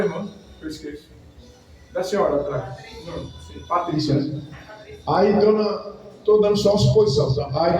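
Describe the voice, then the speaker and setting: A pastor preaching a lively sermon to his congregation, swinging between loud calls and quiet asides. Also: sits high, slight background noise. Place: church hall. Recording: echoey hall, distant mic, faint music.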